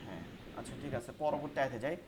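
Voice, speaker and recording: A man with a Bangladeshi Bengali accent teaching Quran recitation in an online class. He spells out syllables slowly and repeats them, then explains the rules quickly. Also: medium pitch, noisy background.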